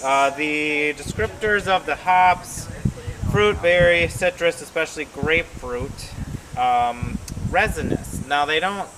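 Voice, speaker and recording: A man's voice: on the high side, takes it slowly, noisy background. A man hosting a casual homebrewing vlog, rambling and thinking aloud with lots of fillers, recorded on a porch. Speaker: homebrewer host.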